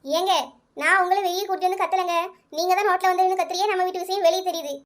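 A woman with a very high, steady voice races through the lines of an indignant village housewife in a cartoon comedy. Speaking with a Kanyakumari Tamil accent, she argues back defensively.

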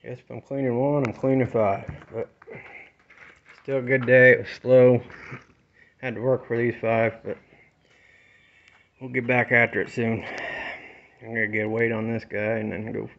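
A man's voice: mid-range voice, flat delivery, normal speed, gravelly, pauses often, dull audio. A man giving folksy, plain-spoken fishing commentary from a small boat outdoors. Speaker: fishing vlogger.

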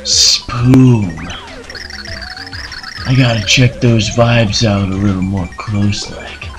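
A man's voice: lowish voice, steady tone, takes it slowly. A man voicing a spacey, laid-back male stoner bomb creature in a video game, drawling slangy lines and tossing in made-up explosion noises, with game music playing behind.

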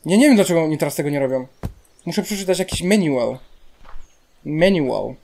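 A man's voice: fairly high pitch, lively intonation, quick pace, darkish tone. A young man speaking with a Polish accent, casually commentating a building game, chatting to himself and bursting into exasperated outbursts at the game. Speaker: let's play gamer.

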